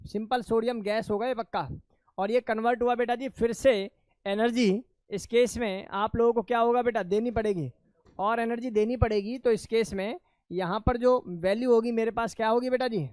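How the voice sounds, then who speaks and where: A man's voice: very high voice, darkish tone, clear, resonant tone, no room sound. A male chemistry teacher lecturing in a classroom. He keeps asking his students questions, answers them himself, and calls them "beta".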